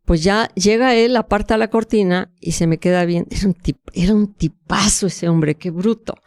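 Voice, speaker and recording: A woman's voice: medium pitch, normal speed, darkish tone, no echo, clean studio sound. A woman, a guest telling a vivid, emotional first-person story full of restarts and fillers. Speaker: interview guest.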